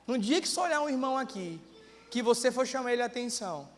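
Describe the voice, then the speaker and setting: A male pastor preaching a sermon with passion, moving from quiet talk to shouted prayer. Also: very high-pitched, lively intonation, fast, in a large hall, faint music behind. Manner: impassioned, swings from quiet to shouting. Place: church.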